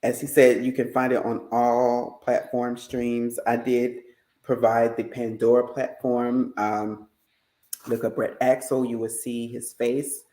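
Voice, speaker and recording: An effusive podcast host talks casually with a guest and turns often to address the listeners directly. The voice sits at medium pitch with a warm tone, delivered flatly and without hurry. The recording sounds roomy and echoey.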